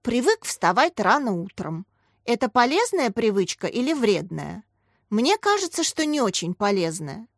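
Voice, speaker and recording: A lively, know-it-all schoolboy who argues with real gusto and keeps exclaiming, as a woman reads him aloud for a storybook. The voice is raised and bright, and the studio recording is dry and close. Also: a little high, moderate pace, dry recording. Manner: eager, argumentative, exclaiming. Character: chatty clever schoolboy who loves arguing.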